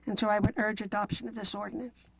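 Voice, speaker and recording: A woman's voice: mid-range voice, flat delivery, quick pace, husky, rough recording. A woman city council member formally presenting motions and explanations at a meeting in a businesslike, procedural manner.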